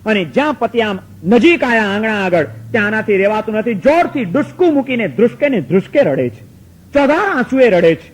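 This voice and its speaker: High-voiced man telling a sermon story. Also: very animated, fairly quick, low-quality recording. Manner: emphatic, repetitive, rhetorical questions. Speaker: preacher.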